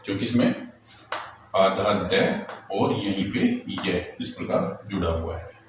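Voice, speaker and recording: A man's voice: deep voice, takes it slowly. A male teacher patiently explaining, step by step, how letters and vowel signs are written, asking and then answering his own questions. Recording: very echoey room, distant mic, faint noise.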